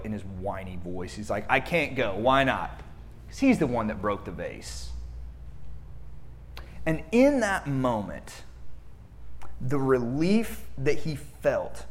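Male pastor, mid-pitched, preaching casually with rhetorical questions. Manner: conversational preaching with filler words and rhetorical questions. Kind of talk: sermon.

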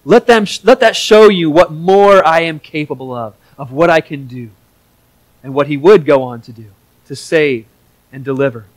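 A man's voice: on the high side, moderate pace, dry recording, poor audio. A man preaching a sermon in an earnest, conversational way, with small restarts as he explains. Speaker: pastor.

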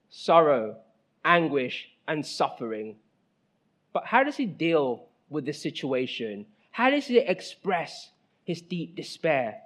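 A man in his thirties preaching a sermon, emphatic, asking rhetorical questions and dropping from loud cries to soft, low lines.

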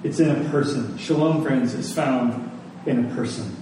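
A warm, medium-pitched male voice preaches to a congregation at an ordinary pace, using rhetorical questions and repeated lines to stress his points. The recording has heavy room echo, a distant microphone, and faint noise.

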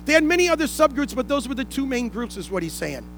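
In an indoor room, a man preaches a sermon to his congregation, working point by point with rhetorical questions and repeated key phrases for emphasis. His voice is extremely high, sing-song, fast and a bit bright, with faint music behind him.

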